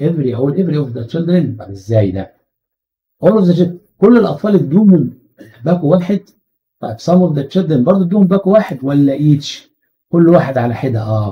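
A man's voice: fairly high pitch, highs cut off. Egyptian man teaching English grammar. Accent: Egyptian Arabic. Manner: animated, rhetorical questions, slow stressed English phrases. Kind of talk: exam-prep grammar lesson.

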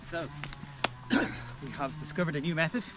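A cheerful man in his fifties jokes his way through narrating his fencing work for a casual home-renovation vlog, filmed outdoors in a rural garden. His slightly high, animated voice comes at normal speed through an action camera held close, with heavy background noise.

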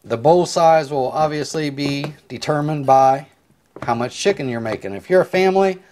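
A man giving a casual cooking tutorial in his home kitchen, chatting in a relaxed, rambling way as he chops and seasons, recorded on a lapel mic. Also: fairly high pitch, moderate pace, a little hiss or hum. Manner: relaxed, rambling step-by-step explanations with filler words. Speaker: home cook. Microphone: clip-on lapel mic.

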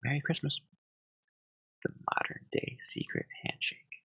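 A soft-spoken ASMR host in close-mic whispers, reading satirical headlines and adding dry deadpan asides. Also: a little slow, rough recording. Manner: reads headlines, then adds wry deadpan asides.

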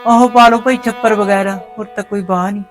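A woman's voice: medium pitch, fairly even intonation, a little fast, over music, close to an everyday voice. A woman with a Malwai Punjabi accent playing a worried, kindly village mother-in-law who consoles and quotes proverbs. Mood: sorrowful. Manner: grieving, consoling, proverb-quoting. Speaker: actor in a village short film. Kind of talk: village family drama.

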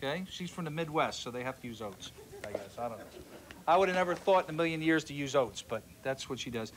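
A man with a fairly high voice runs a live cooking segment. He teases his partner while he explains each step. Faint noise sits under the voice. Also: lively intonation, fast. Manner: joking, instructive, talks over his co-host. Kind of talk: live TV cooking demo banter.

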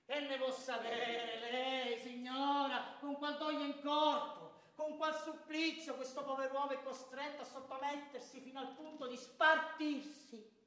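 An amateur stage actor playing Ciampa, a bitter, proud, wronged middle-aged clerk, swinging from hushed to shouting, recorded from afar on an echoey stage. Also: male voice, very high voice, steady tone, unhurried, far from the mic, heavily acted. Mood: bitter, pleading. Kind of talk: stage theatre performance. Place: theatre stage. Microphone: distant room mic.

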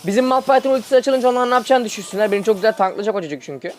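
A young man, a student, giving excited live commentary over his own mobile gameplay, chatty and teasing his teammates. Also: high-pitched, rapid-fire, slight background noise. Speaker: gaming video host.

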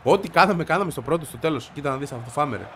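A man with a stuffy, congested voice giving excited commentary as he plays a football video game, shouting and grumbling at the match. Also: a little high, slight background noise. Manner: shouts and yelps at the game, frustrated outbursts. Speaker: gaming video creator.

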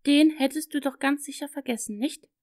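A woman voicing a lively, eager little girl in a storybook, talking in an excited, pleading way. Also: high voice, fairly quick, no echo, studio quality, pitched above the performer's own voice, close to an everyday voice.

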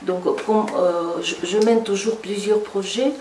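Woman translator, slow and hesitant, heard from across an echoing room. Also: mid-range voice, steady tone. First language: Russian. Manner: slow, halting, with many fillers. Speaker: guest translator giving a reading talk. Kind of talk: reading talk with audience questions. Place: reverberant room in a château. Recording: echoey room, distant mic, faint noise.

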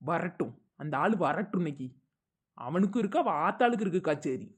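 A woman's voice: on the low side, big pitch swings, a little fast, breathy edge. Woman playing a suspicious daughter-in-law.

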